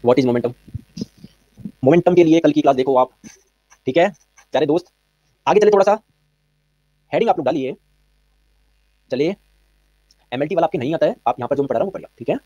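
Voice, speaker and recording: Male physics tutor, brisk and quizzing, slightly high voice, dry close sound. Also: lively intonation, mellow, no echo, highs cut off. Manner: brisk, quizzing students with repeated questions. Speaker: physics teacher. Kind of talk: online exam-prep physics lecture.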